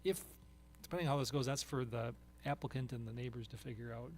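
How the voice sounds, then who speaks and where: A man chairs a city planning meeting in a mid-pitched voice. He is brisk and pragmatic, steering the discussion and cutting to the options. A faint hum sits under his voice. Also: a little mellow. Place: council meeting room.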